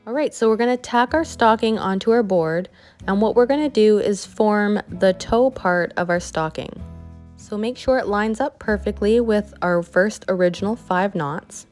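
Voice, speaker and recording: A woman's voice: medium pitch, moderate pace, a little mellow, faint music behind. A woman with a Canadian accent, explaining a craft project step by step in a friendly, chatty way. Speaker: craft instructor. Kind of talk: tutorial voice-over.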